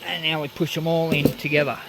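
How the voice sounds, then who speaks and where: Higher-voiced man over clear workshop noise. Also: flat delivery, brisk. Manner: informal, matter-of-fact step-by-step explaining. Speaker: DIY metalworking presenter. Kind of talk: casual hands-on workshop narration. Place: home metal workshop. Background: saw running, clicks and machine noise.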